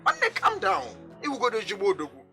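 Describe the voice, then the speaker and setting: A man's voice: very high voice, fast talker, vocal fry, exaggerated voice. A man with a Nigerian accent playing a blunt young friend who lectures his crying friend, over background music. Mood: chiding. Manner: lecturing, animated.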